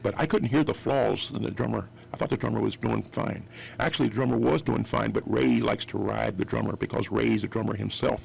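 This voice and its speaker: Brisk and with few pauses, a fifty-something man from West Virginia rambles through stories as a guest musician on radio, frequently restarting his sentences. His lowish voice holds a steady tone with vocal fry and a slightly mellow quality, over a faint hiss or hum.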